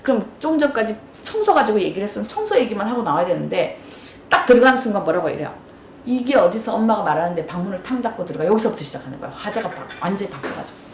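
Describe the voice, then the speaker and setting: A woman lecturer telling everyday stories and asking her audience questions in a lively talk. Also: medium pitch, rapid-fire, a little hiss or hum. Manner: storytelling, asks the audience questions. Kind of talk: lively lecture with acted dialogue. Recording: roomy hall from far off.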